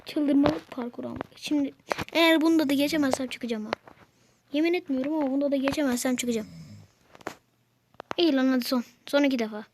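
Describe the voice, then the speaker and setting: High-pitched woman narrating her own gameplay, constantly griping at the controls. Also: fast talker, pauses often, background noise. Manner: exasperated, complaining at the game. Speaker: gameplay video maker. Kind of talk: casual gameplay commentary.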